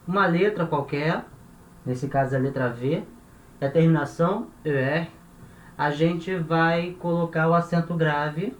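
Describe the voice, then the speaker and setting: A man with a Brazilian Portuguese accent, teaching a lesson and patiently repeating and spelling out each example. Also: on the high side. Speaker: language teacher. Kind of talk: explaining French grammar in Portuguese. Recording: echoey room with faint noise.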